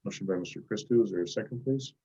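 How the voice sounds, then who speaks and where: A man, the town supervisor, chairing a virtual board meeting. He is brisk with procedure and fills his explanations with ums and uhs. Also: on the low side, dark tone, breathy edge, muffled recording. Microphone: video call.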